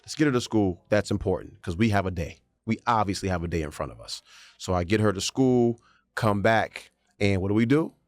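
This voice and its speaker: Guy telling a story on a podcast, lowish voice, acts out the bits, dry close sound. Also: brisk, no room sound. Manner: animated storyteller, acts out quotes and sound effects. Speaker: podcast co-host. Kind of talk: casual storytelling chat.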